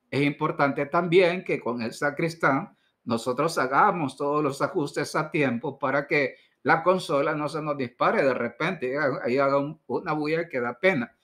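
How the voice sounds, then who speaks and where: A man giving an instructional talk on reading aloud in church, deliberate and direct, slowing down to stress key words. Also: a little high, fairly bright tone. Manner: direct, addresses listener with advice. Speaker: liturgy instructor.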